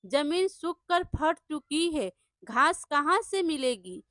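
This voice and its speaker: A woman's voice: high voice, animated, slow pace, fairly bright tone, dry recording, studio quality, full character voice. A woman voicing an impatient older village man who scolds and dismisses the listener in a storybook tale. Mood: scolding.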